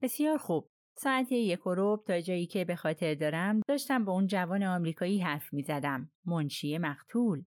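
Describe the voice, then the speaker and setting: A woman's voice: fairly low pitch, lively intonation, a little mellow, dry recording, clean studio sound, natural voice. A woman reading the lines of a reserved, stiff English army colonel in an audiobook, curt and cold in her replies.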